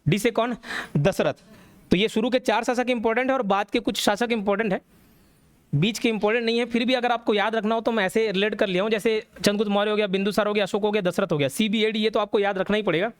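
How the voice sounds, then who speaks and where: A man's voice: high voice, steady tone, fast, smooth, no room sound. A man teaching a classroom history lecture, telling the story and quizzing students as he goes. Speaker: exam coaching teacher.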